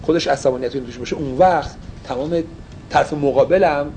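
A man's voice: medium pitch, a little mellow, slight background noise, poor audio. A man teaching an informal Torah study class, mixing Persian with English and explaining phrases as he goes.

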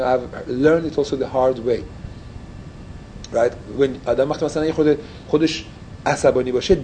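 A man's voice: mid-range voice, warm tone, a little hiss or hum, low-quality recording. A man teaching an informal Torah study class, mixing Persian with English and explaining phrases as he goes.

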